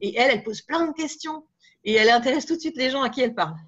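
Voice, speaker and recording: A fairly high-voiced woman leads a live workshop for aspiring speakers, chatty and lively, tossing in small asides to her audience. The recording is dull and lo-fi. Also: rapid-fire. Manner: lively, with many tag words and asides. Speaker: speaker trainer.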